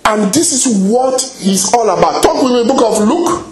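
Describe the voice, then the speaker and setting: A man preaching a sermon with lively exclamations of praise, often repeating and restarting his phrases. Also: very high voice, normal speed, slight background noise. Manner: animated, exclaims hallelujah and praise God often. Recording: echoey hall.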